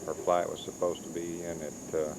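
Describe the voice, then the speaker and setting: A man with a very deep voice narrates a family trip as he films, chatty and tour-guide-like. His voice comes through the camcorder's own mic with a steady hiss in the background, the sound of old camcorder audio. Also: normal speed, vocal fry. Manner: chatty, travelogue-style commentary. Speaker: home video cameraman. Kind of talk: narrating a family home video. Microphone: camcorder's built-in mic. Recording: hissy old camcorder recording.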